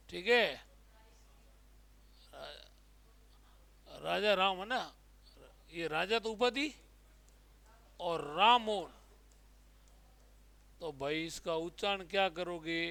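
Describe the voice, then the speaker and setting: Male teacher, Rajasthani Hindi accent, slow drilling delivery, bright edge. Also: high voice, vocal fry. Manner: repeats words for drill, asks students questions. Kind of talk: classroom exam-prep lecture.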